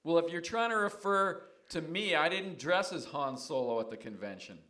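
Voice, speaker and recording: A man's voice: fairly high pitch, lively intonation, moderate pace, bright, forceful tone, roomy sound. A man hosting a late-night call-in show, brash and trash-talking with his callers. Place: indoors on a stormy night by candlelight.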